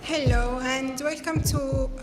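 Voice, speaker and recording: A woman hosting a student podcast, opening it gently and slowly. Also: high voice, fairly even intonation. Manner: gentle, slow intro. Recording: reverberant, loud music behind.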